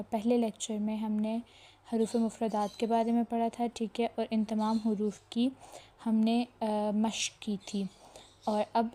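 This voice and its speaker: A woman teaching tajweed in a recorded online lesson, explaining step by step, checking in often, and sounding out single letters slowly for practice. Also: fairly high pitch, mellow. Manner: explains step by step and checks in with "theek hai" between points.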